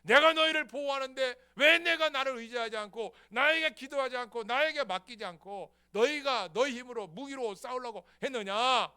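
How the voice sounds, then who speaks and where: A man voicing God as a commanding, protective presence who rebukes and reassures in a raised, booming voice. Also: moderate pace, hardly any pauses, sharp tone, clear, resonant tone, exaggerated voice. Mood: rebuking. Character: God speaking to his people, commanding and protective.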